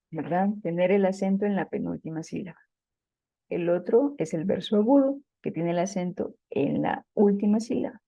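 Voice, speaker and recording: A woman gives a patient classroom lecture on poetry, often pausing to check that her students follow. Her voice is very dark and mellow and sits at an ordinary pitch. The sound is dry and close, with no room echo. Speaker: Spanish literature teacher.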